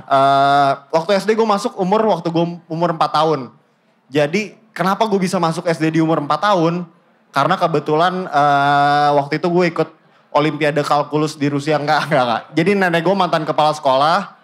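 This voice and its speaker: A man in his twenties with a Jakarta accent, telling his life story in a casual, joking way with deadpan fake-outs and English mixed in. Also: on the high side. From Indonesia. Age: 20s. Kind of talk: casual stand-up style storytelling.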